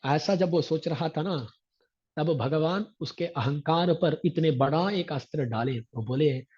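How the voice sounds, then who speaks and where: A man's voice: a little high, measured pace, a little mellow, slightly rough, muffled recording. A male religious teacher giving a scripture discourse, chanting Sanskrit verses and then explaining them line by line.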